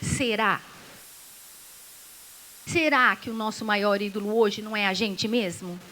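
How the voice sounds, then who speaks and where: A woman's voice: mid-range voice, unhurried, pushed and bright, poor audio. A woman pastor with a Brazilian Portuguese accent, preaching a sermon in a conversational way that acts out little dialogues.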